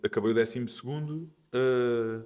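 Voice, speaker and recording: A man in his twenties, a podcast guest speaking calmly and reflectively in a casual interview. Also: mid-range voice, moderate pace, smooth. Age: 20s.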